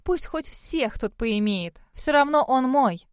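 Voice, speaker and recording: A woman doing a shrill, furious spoiled rival. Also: animated, takes it slowly, smooth, dry recording, studio quality. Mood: angry, scornful. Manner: shrill, snapping, contemptuous. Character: furious spoiled blonde young woman student.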